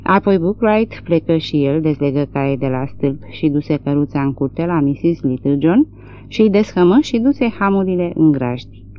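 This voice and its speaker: A woman reads a novel aloud in a measured, expressive way. Her voice is low, and her pitch moves a lot between phrases. The recording has a dull, lo-fi sound. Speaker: audiobook reader. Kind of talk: literary audiobook narration.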